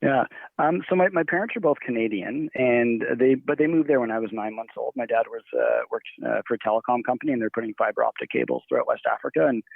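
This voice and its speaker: A man who grew up in Nigeria answers interview questions in a loose, rambling way, full of fillers and restarts. His voice is gravelly and sits at a middle pitch. It comes through a tinny, phone-like line. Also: fast, no room sound. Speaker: guest.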